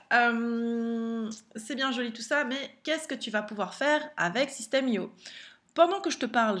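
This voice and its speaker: A woman with a French accent, an online business coach talking casually to camera in a chatty style, full of fillers and restarts. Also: fairly high pitch. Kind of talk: casual direct-to-camera vlog.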